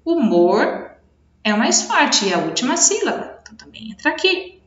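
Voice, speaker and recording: Brazilian woman, schoolteacher, patient and repetitive delivery, bright tone, echoey lo-fi recording. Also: sits high, big pitch swings. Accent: Brazilian Portuguese. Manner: patient, explains slowly, repeats words and stresses syllables. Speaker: teacher. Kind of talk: remote video lesson for children. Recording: echoey room, dull lo-fi sound.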